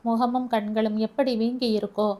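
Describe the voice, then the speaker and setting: Caring young man, gentle and coaxing, read by a woman narrator in an audio story, voice on the high side. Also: level tone, normal speed, natural voice. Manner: soft, coaxing.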